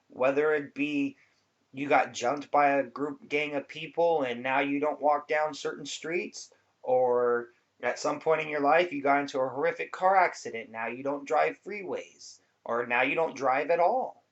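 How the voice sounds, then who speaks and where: A man with a slightly high voice talks informally, like a vlogger addressing viewers. He explains things in a laid-back, rambling way. The sound is a bit dull and lo-fi. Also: normal speed. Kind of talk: casual informal talk to viewers.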